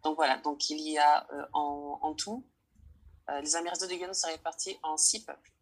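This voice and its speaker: Low husky young woman, hesitant. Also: fairly even intonation, normal speed, low-quality recording. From French Guiana. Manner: hesitant, searching for words. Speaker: interviewee. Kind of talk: interview answers.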